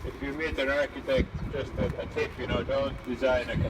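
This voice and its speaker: A man working as a ghost tour guide, telling stories live to a group in a halting, conversational way. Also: mid-range voice, level tone. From Finland. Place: outdoors on city streets. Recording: windy, noisy outdoor recording from a distance.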